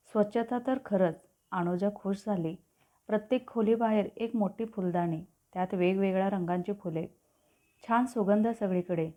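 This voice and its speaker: A woman narrates a story in a calm, descriptive reading voice. Her pitch sits in the middle range. The sound is narrow and tinny, like a phone line.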